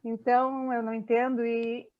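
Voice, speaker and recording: A woman's voice: a little high, flat delivery, moderate pace. A woman giving a hesitant, reflective comment in a group discussion, often restarting her sentences. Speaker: meeting participant. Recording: muffled lo-fi audio.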